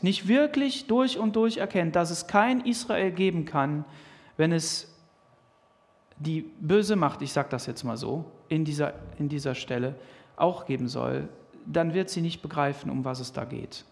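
A man with a German accent preaching a sermon, animated and emphatic, with restarts and fillers. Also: a little high, measured pace, creaky.

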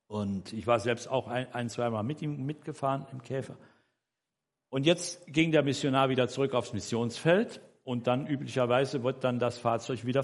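An older man shares a personal testimony in an easy, meandering way and keeps checking in with his listeners through small tag questions. His voice sits at a middle pitch, and a long reverb trails after his words. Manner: rambling and animated, with frequent "ne?" tags and self-corrections. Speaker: church member giving a personal testimony. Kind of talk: conversational personal storytelling.

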